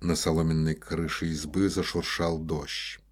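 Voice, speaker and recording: A man narrates a classic story in a measured, expressive way. His voice sits very low, with a husky, slightly rough edge to it. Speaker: audiobook narrator. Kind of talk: literary audiobook narration.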